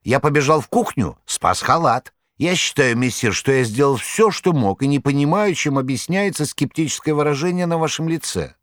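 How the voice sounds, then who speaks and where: A man's voice: lively intonation, normal speed, hardly any pauses, no echo, studio quality, close to an everyday voice. A man reading an audiobook, voicing a huge boastful male tomcat who whines and pleads theatrically. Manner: shrill, whining, theatrical pleading. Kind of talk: audiobook character voice.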